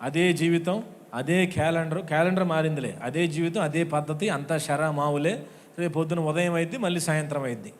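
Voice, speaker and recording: A man's voice: on the high side, a little fast. A man pastor with an Andhra Telugu accent, preaching at a watch night church service, calling out questions to the congregation and acting out the voices he quotes. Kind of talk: sermon.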